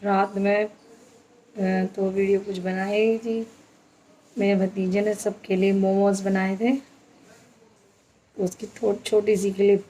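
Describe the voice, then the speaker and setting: Slow, mellow-voiced woman vlogger. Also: mid-range voice, husky, low-quality recording. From India. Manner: slow, soft-spoken, homely chatting. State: injured leg. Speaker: family vlogger. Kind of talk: casual vlog narration.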